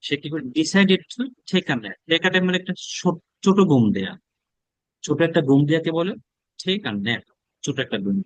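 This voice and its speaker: A man's voice: on the high side, animated, brisk, fairly bright tone, no room sound, rough recording. A man with a Bangladeshi accent teaching an online English class, explaining patiently, repeating phrases and asking the class questions.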